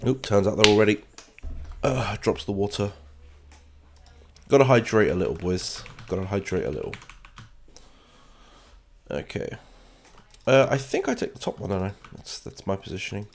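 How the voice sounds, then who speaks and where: Expressive and lowish with a darkish tone, this man talks at normal speed but leaves long pauses, with slight background noise in the recording. He's a gaming streamer from London, England, whose British London accent colors his rambling, casual commentary as he chats with viewers while playing.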